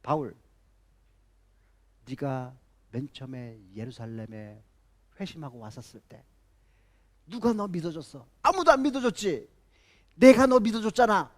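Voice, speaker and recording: A man's voice: mid-range voice, lively intonation, a little slow, pauses often, darkish tone, pitched below the performer's own voice. A preacher voicing a reproachful biblical man.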